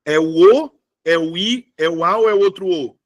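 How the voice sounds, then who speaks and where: Teaching exam prep live online, this man keeps things chatty and informal at a moderate pace. His voice sits a little high for a man, and he frequently checks in with the people watching.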